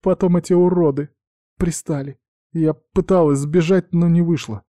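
A man's voice: a little high, fairly even intonation, moderate pace, warm tone, no echo, voice pushed up, lightly acted. A male reader voicing a frightened, tearful young red-haired woman who sobs and sniffles as she talks, in a dry-sounding recording. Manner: sobbing, sniffling.

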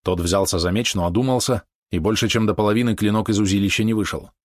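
A male audiobook narrator reading in an even, measured way. His voice sits low. The recording is dry and close. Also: no echo. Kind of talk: scripted narration.

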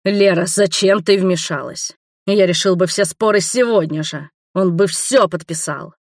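A woman's voice: lowish voice, a little slow, dry recording, studio quality. A woman voicing a menacing, growling male dragon king in an audiobook. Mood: exasperated. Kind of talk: audiobook character reading.

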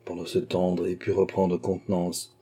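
A man narrating a classic novel as an audiobook in a measured, even manner. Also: low voice, slightly rough. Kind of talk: scripted narration.

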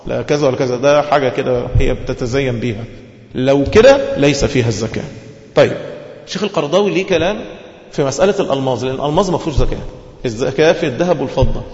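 A man's voice: mid-range voice, darkish tone. A man with an Egyptian Arabic accent preaching a religious lesson, posing questions to his listeners and answering them himself. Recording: echoey hall, dull lo-fi sound.

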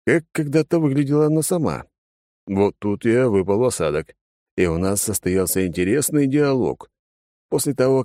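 A man's voice: low voice, mellow, no room sound, clean studio sound. A man narrating a first-person audiobook in a wry, conversational way, with casual swearing.

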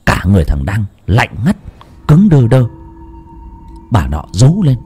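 A man telling a dramatic village story as narrator, animated and shifting into character voices. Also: mid-range voice, a little slow, husky, soft background music.

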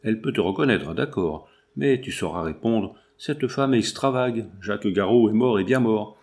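A man's voice: on the low side, moderate pace, a little mellow, lightly acted. A cynical middle-aged accomplice talks in an easy, reassuring manner while proposing something ruthless, as a male reader voices him. The voice stays close to the reader's own. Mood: scheming.

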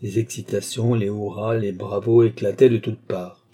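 A man narrating a classic novel in a measured, even storytelling delivery. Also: on the low side. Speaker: audiobook narrator. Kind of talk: scripted literary narration.

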